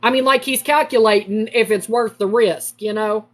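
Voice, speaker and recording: A middle-aged woman, chatting casually with livestream viewers while she crafts and telling family stories in a lively, animated way. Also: moderate pace, faint music behind. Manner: lively, acts out quoted family members with big pitch jumps.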